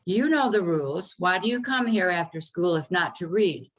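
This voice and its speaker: A woman's voice: on the low side, lively intonation, moderate pace. A woman voicing a strict female librarian, pictured as a dragon, who scolds sternly. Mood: scolding.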